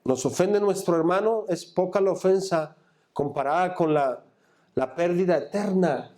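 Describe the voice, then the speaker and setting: Speaking at a measured pace in a high, warm voice, this pastor delivers a sermon built on call-and-response, reading scripture aloud, commenting on it, and having the congregation complete the words.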